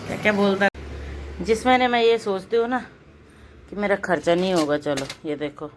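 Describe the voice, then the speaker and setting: A woman from Uttarakhand chatting casually at home for her vlog, talking in a lively, teasing way with the children around her. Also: mid-range voice, moderate pace, a little hiss or hum, low-quality recording. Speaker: vlogger.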